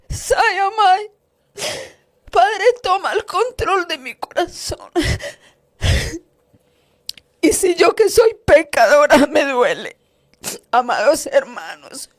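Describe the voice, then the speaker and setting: A woman's voice: extremely high pitch, no room sound, clean studio sound. A woman preacher giving an emotional testimony sermon, fervent and emphatic, breaking in with hallelujahs. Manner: slow, emphatic delivery.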